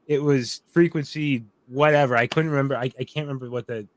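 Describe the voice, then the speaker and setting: A man in a casual podcast chat who speaks haltingly, repeating himself and hunting for words. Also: mid-range voice, steady tone, dry recording.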